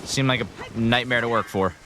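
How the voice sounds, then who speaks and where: A man's voice: medium pitch, fairly even intonation, moderate pace, bright, forceful tone, slight background noise. Chatty male game streamer. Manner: chatty, answering chat as he plays. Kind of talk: casual gameplay commentary.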